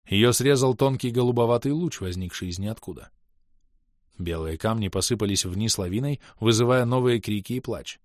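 Low-voiced man reading a fantasy audiobook. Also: moderate pace, no room sound, studio quality. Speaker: audiobook narrator.

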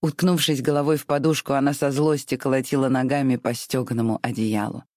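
Measured audiobook narrator, dry close sound. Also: medium pitch, no room sound. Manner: measured, expressive storytelling. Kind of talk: scripted narration.

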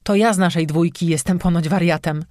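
A man voicing a calm, secretive male monster hunter in an audiobook, speaking tersely and steadily. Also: fairly high pitch, fairly quick, no echo, studio quality, natural voice. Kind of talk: audiobook character voice.

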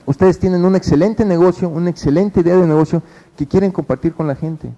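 Lively Mexican man giving a motivational training. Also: high-pitched, brisk, highs cut off. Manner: animated storytelling, addresses the audience directly and acts out phone calls. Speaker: business opportunity trainer.

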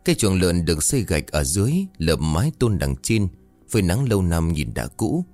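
A man narrating a comic village story in a lively, playful way. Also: low-pitched, a little fast, no room sound. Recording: dry voice with faint music bed.

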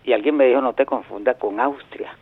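A man's voice: mid-range voice, brisk, breathy edge. A man in his sixties calling in to a radio show, chatting in a rambling way and trading wordplay. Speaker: regular phone-in contributor. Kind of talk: casual radio chat by phone. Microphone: telephone. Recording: dull lo-fi phone line, dry.

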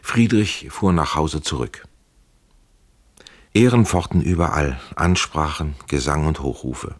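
Very deep-voiced male audiobook narrator. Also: a little slow.

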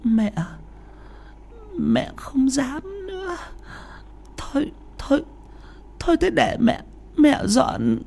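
A woman voicing a frail, timid, loving old grandmother who stammers and pleads softly in an audio story. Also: a little high, lively intonation, takes it slowly, vocal fry, pauses often, full character voice. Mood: fearful pleading.

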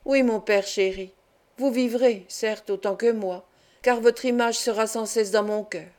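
A woman's voice: fairly high pitch, fairly even intonation, measured pace, darkish tone, close to an everyday voice. A woman reading the lines of a dissolute young nobleman who speaks to his father in a falsely pious, pleading way.

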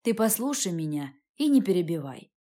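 A woman's voice: on the low side, big pitch swings, normal speed, warm tone. A woman reading the lines of a cold, domineering wealthy man in an audiobook, speaking curtly. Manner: curt and cold.

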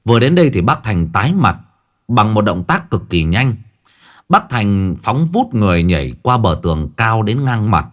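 A man's voice: on the low side, sing-song, moderate pace. A man narrating a Vietnamese ghost story in the first person, telling it in a dramatic way.

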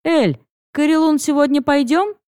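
A woman's voice: high voice, normal speed, darkish tone, no echo, clean studio sound, pitched above the performer's own voice, lightly acted. A woman reading a cheeky young dragon. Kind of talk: audiobook reading.

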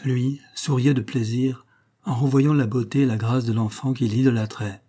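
Brief: male narrator for a tale, measured and expressive, warm husky timbre. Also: mid-range voice. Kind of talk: audiobook reading of a tale.

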